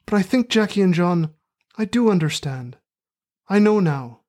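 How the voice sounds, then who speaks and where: A man's voice: sits high, animated, normal speed, darkish tone. Man putting on an earnest rustic English Midlands accent. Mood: earnest, wistful. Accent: put-on rustic English Midlands. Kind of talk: mock-heroic film monologue parody.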